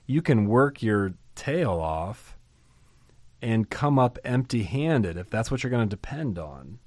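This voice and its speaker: A man teaching through a Bible chapter in a lively, conversational way, asking rhetorical questions and chuckling now and then. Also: on the low side, takes it slowly, no echo.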